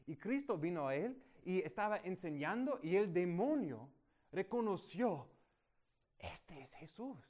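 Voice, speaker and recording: Animated man preaching a sermon. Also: measured pace. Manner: animated, rises in pitch and volume for emphasis. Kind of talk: sermon, verse-by-verse Bible teaching.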